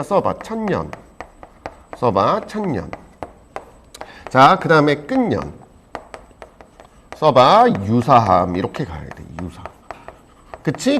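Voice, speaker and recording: A man teaching a high school exam prep lecture, animated and jokey, swinging between loud and soft. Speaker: Korean language teacher.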